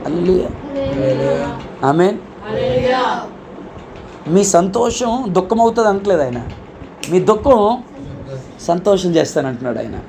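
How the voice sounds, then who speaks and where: A man's voice: sits high, expressive, measured pace, vocal fry, pauses often, a little mellow, faint music behind. A man preaching a sermon as a pastor, fervent, often calling out hallelujah and amen and rising to emphatic questions. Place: church.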